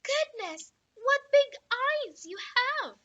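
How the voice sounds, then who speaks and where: A sweet, curious little girl from a storybook, wondering aloud in a very high voice, as a woman puts her on. Her voice is bright and jumps around a lot, and she speaks slowly. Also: expressive, muffled recording, exaggerated voice.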